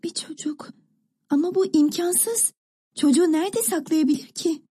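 A woman's voice: high-pitched, lively intonation, normal speed, dark tone, pitched above the performer's own voice. A woman voicing an impatient little girl who asks breathless, eager questions. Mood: shocked. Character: excitable little girl, younger sister, impatient.

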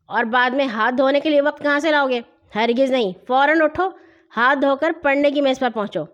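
Lady reading a kids story doing a strict bossy big bro, scolding nonstop, kinda high. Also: expressive, muffled recording. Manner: scolding, rapid-fire questions. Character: bossy strict elder brother, teenage boy.

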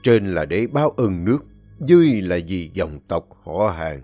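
A stern old clan elder, firm and commanding, with a lowish voice, as a male storyteller puts him on. He is resolute and speaks with authority. Soft music plays behind. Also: sing-song, moderate pace. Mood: grim, determined.

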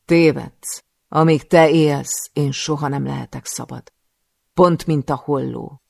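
A vengeful young woman assassin in an audiobook thriller, as a male reader puts her on, shouting with raw anger. The voice is gravelly and recorded close and dry. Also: a little high, fairly even intonation, no room sound. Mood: furious.

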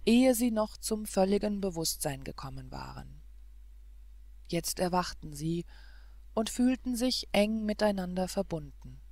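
A woman reads an old fairy tale aloud for an audiobook. Her storytelling is calm and measured, and her pace is very slow. The recording sounds dry and close. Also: mid-range voice, dry recording. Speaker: audiobook narrator. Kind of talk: scripted fairy-tale narration.

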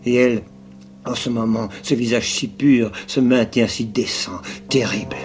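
An actor reads a novel aloud in a dramatized literary reading from an archival radio broadcast, with music playing behind him. His hushed, intimate narration is steady and unhurried, often dropping to a low whisper, while the dialogue breaks into jealous outbursts.

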